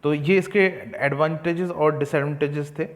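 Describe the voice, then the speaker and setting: A young man teaching an exam-prep lesson. He reads English points slowly and explains them in Hindi with frequent fillers. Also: fairly high pitch, fairly even intonation.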